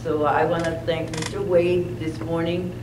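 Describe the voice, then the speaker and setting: Woman, 60s, from Texas, retired educator, measured delivery, distant echoey hall. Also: low-pitched, little pitch movement. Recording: echoey hall from far off, room noise.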